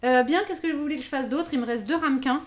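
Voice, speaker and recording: A woman's voice: sits high, fast. A woman hosting a live baking stream, chatting casually with her viewers, exclaiming over her work and laughing often. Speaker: live-stream cooking host.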